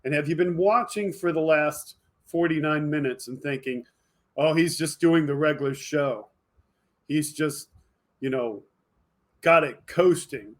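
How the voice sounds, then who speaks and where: Hosting a political video podcast from a home studio with a green screen, a man with a somewhat high voice delivers a fired-up, emphatic monologue straight to his viewers. He shifts between forceful outbursts and quieter asides, speaking a little slowly.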